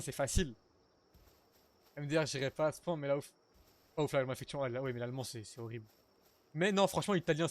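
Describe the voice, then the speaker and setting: A young man streaming a survival game, chatting casually with his viewers and swearing now and then as he plays. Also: fairly high pitch. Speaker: gaming streamer. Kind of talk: casual live gameplay commentary.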